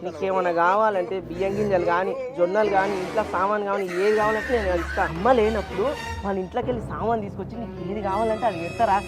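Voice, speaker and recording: A man's voice: high-pitched, fairly even intonation, very fast, natural voice. A man playing a melodramatic elder son who pleads and wails, with a Telangana Telugu accent. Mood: lecturing. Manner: pleading, wailing. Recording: loud background music.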